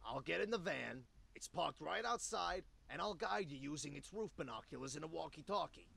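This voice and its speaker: In this voiced dialogue for a cartoon adventure game, a man plays a cranky, bossy 63-year-old rabbit who's a scheming, foul-mouthed salesman. The full character voice is fairly high and husky, with vocal fry, a sharp tone, lively intonation and normal pacing. The mood is dry and domineering, full of swearing and slang.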